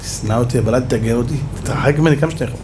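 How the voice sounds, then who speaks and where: A rabbi voicing a pleading fish. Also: male voice, a little mellow, a little hiss or hum, natural voice. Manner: pleading, low voice. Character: pleading fish begging a fisherman.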